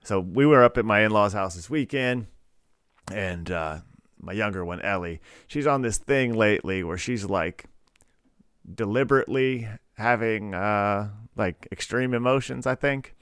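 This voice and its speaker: Podcast dad in his 30s, low voice, dry close sound, lots of "like" and "uh". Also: a little slow, clear, resonant tone, no echo. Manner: relaxed storytelling, many fillers. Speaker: podcast co-host. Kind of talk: casual chat.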